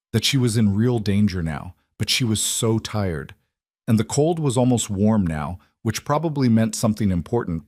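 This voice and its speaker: A man with a low voice reads a western romance aloud, measured and dramatic. The recording is close and dry, with no room sound. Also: a little mellow, no room sound. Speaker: narrator. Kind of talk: scripted story narration.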